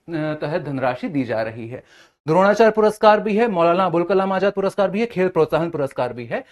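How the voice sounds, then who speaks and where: A young male teacher giving an exam-prep lecture, building memory tricks and checking in with short questions. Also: high voice. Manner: mnemonic-heavy, keeps asking "है ना?" and "ठीक है?".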